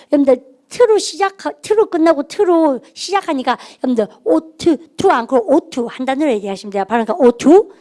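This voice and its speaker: High-pitched woman teaching grammar. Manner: animated, drills students to repeat aloud. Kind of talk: classroom lecture.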